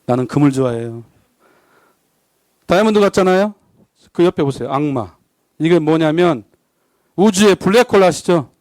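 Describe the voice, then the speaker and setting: With long pauses at a moderate pace, a fairly high-pitched man preaches as a guest pastor, keeping things lively and jokey while he questions the congregation again and again. There's no echo on the recording.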